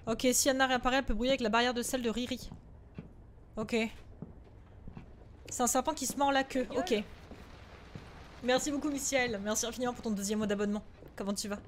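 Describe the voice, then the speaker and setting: High-voiced jittery woman streaming horror. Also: steady tone, a little fast, pauses often, a little hiss or hum. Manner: jittery, swears often, scolds the game's ghosts. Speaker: gaming streamer. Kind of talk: live horror gameplay commentary.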